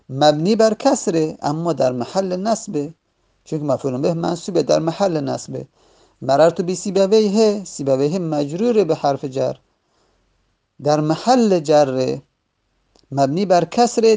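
A man teaching a grammar lesson with a gravelly, slightly raised voice. He goes patiently, saying each word form again and again, and his pace stretches and rushes unevenly. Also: fairly high pitch, dark tone. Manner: patient, repeats word forms several times.

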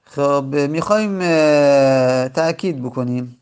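Male grammar teacher, gravelly voice, slow drilled repetition of forms. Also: on the high side, darkish tone. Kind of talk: classroom lesson.

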